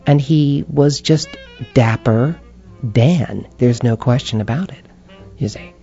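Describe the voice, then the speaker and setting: An older woman chats with lively, laughing energy and slips into little acted-out voices as she tells stories. Her tone is mellow and dark rather than bright. The recording is dull and lo-fi. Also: extremely low pitch, takes it slowly, breathy edge, faint music behind. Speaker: guest. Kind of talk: casual chat.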